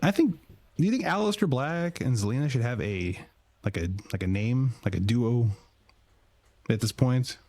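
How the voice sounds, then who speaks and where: A man's voice: mid-range voice, lively intonation, moderate pace, darkish tone, dry recording. A man co-hosting a podcast, recapping shows in a casual, jokey way, often repeating words as he starts sentences. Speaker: podcast co-host.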